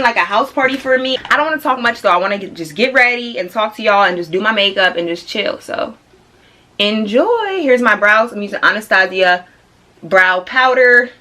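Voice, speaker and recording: A young woman of twenty-one chatting excitedly and casually as she does her makeup for a vlog, full of slang. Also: mid-range voice. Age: young adult. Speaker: beauty vlogger. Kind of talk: casual get-ready-with-me chat. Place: home studio room.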